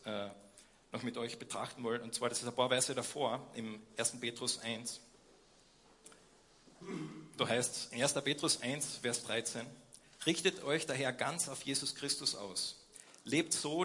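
A young man preaching a sermon, swinging between loud questions and quiet emphasis, with frequent hesitations. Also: medium pitch, gravelly, a little hiss or hum.

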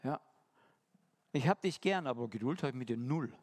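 A man preaching a sermon, shifting between quick asides and slow, emphatic lines and putting rhetorical questions to the congregation. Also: mid-range voice, lively intonation, a little mellow.

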